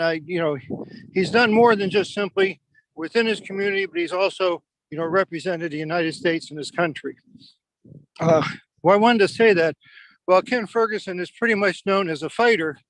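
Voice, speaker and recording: A man with a notably high voice speaks from afar through a group video call, offering a measured, sincere tribute with small pauses and restarts. His sound is dry and close to his own mic, with no room around it. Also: dry recording, poor audio. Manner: sincere, measured, slightly halting. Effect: remote voice heard through a group call. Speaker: senior martial arts master giving a tribute. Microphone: own computer mic on a call.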